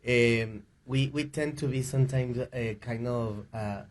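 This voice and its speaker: A man's voice: mid-range voice, unhurried, slight background noise. A man from Ecuador speaking as a panelist at a press conference, earnest, with frequent restarts. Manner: earnest, with restarts and repeated words. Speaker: panelist advocate.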